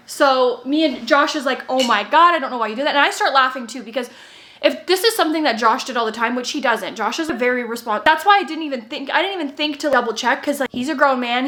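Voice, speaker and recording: A heavily pregnant young woman vlogs to camera from the playroom at her home, telling a chatty story, laughing often, and acting out what people said. Her voice is high-pitched with a sharp tone.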